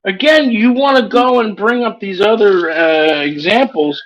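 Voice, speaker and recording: A man's voice: sits high, measured pace, fairly bright tone, low-quality recording. A man calling in from home while doing dishes, needling the host with pushy, provocative questions.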